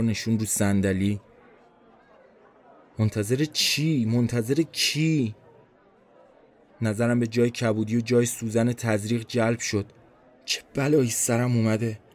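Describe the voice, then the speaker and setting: A man's voice: on the low side, darkish tone. Man narrating a tense first-person story. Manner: tense, introspective inner monologue, slow and dazed at times. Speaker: writer and narrator of the podcast.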